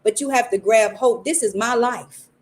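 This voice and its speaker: A woman's voice: fairly high pitch, normal speed. A woman hosting a podcast, giving an earnest, faith-based motivational talk and repeating phrases for emphasis. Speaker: podcast host.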